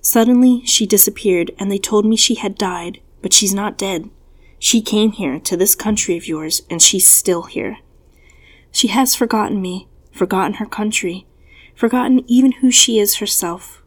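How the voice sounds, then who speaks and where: A woman's voice: mid-range voice, moderate pace, lightly acted. A woman voicing a lonely, courtly young male prince who speaks in an earnest, pleading way, read as a storybook. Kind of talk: storybook reading.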